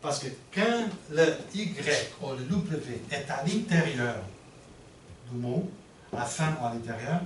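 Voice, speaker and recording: Middle-aged workshop presenter, patient and explanatory, recorded from afar in an echoey room with background noise. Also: male voice, mid-range voice, expressive, slow pace. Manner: explanatory, checks in often with the audience. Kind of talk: teaching a workshop. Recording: roomy and distant with background noise.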